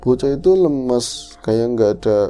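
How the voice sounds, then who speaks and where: A man's voice: lively intonation, normal speed, mellow, soft background music. A man, dramatically telling a first-person horror story as podcast host, acting out the quotes. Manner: dramatic, swings pitch and acts out quotes.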